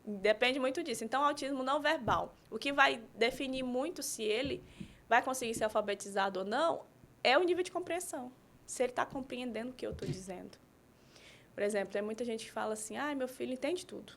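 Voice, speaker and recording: Uma mulher convidada, pedagoga e terapeuta, explicando com exemplos numa conversa de podcast e pontuando as frases com "né?". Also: female voice, fairly high pitch, a little fast, a bit bright. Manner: explains with examples, frequent "né?". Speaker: guest, pedagogue and therapist.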